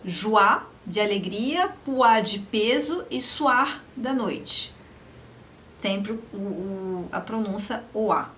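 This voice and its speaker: Slow-speaking woman teaching French sounds. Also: medium pitch, animated, a bit bright, a little hiss or hum. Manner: slow, repeats example words for practice. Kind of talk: beginner language lesson.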